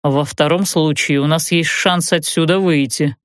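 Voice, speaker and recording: Woman voicing stern male prisoner chief in an audiobook, lowish steady voice, dry recording. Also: no echo. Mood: calm. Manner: strict, measured orders. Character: stern male prisoner leader, calm and commanding. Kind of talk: audiobook narration.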